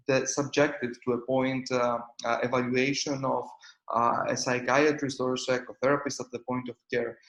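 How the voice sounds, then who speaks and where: A Greek-accented man in his thirties speaks in an even, flat tone, stopping often with "uh" between phrases. His voice sits at an ordinary pitch, and the room around him sounds echoey. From Greece. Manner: hesitant, many "uh" fillers. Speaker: startup founder and CEO. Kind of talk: conference interview.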